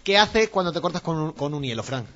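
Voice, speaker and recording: A man tells jokes with lots of energy and teases his partner as he goes. His bright, forceful voice swings widely in pitch. The recording sounds dull, with faint music behind him. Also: fast. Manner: animated, teasing, acts out joke voices. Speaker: co-host telling jokes. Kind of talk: casual joke-telling contest.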